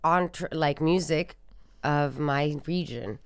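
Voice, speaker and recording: Brief: woman guest from Sudan, low smooth voice, dry close mic, emphatic and reflective. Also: slow, no echo. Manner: thoughtful, emphatic, acts out quoted speech. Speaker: guest musician. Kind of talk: conversational interview.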